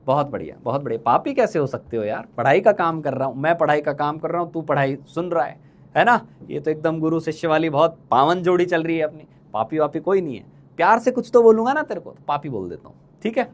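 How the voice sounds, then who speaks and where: A man with a high voice teaching chemistry to exam students. He keeps firing the same question twice and teases the class fondly. His talk is quick and chatty, the way a coaching teacher talks. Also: expressive. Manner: teasing, calls students playful names. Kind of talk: live online exam-prep lecture.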